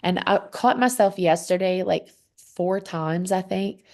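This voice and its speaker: Woman teaching a casual Bible study, lower voice with vocal fry, conversational. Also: unhurried, darkish tone. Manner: conversational, many "um"s and "okay?" check-ins.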